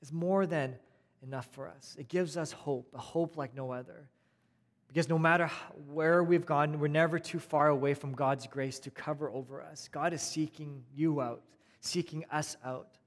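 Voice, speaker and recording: Male preacher, fairly high voice, conversational sermon, repeats himself, loud then soft, long hall echo. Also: steady tone, moderate pace. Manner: conversational, with restarts and repeated phrases; swings between raised emphasis and quiet, soft delivery.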